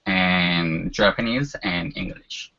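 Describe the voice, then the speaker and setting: A deep, bright, forceful voice moves slowly as a Korean-speaking man in his forties chats casually as a guest. He keeps falling back on fillers like "you know." The recording has a dull, lo-fi sound.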